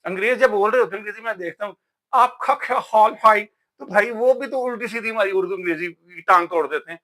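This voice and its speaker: His voice sits high and sounds pushed and bright. A vlogger from Pakistan, he chats casually yet emphatically about books, taking a preachy tone and saying "yaar" frequently.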